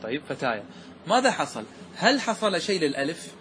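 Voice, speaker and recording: A man teaching grammar, asking the class questions and slowing down to stress key words. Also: fairly high pitch, sing-song, a bit bright, slight background noise. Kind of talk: classroom lesson explaining verse.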